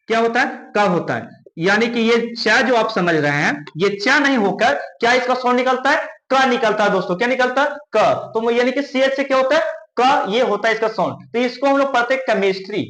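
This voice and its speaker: High-pitched man teaching phonics, echoey room. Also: fairly bright tone. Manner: repeats words slowly, asks and answers his own questions. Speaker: English teacher. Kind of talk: classroom-style phonics lesson.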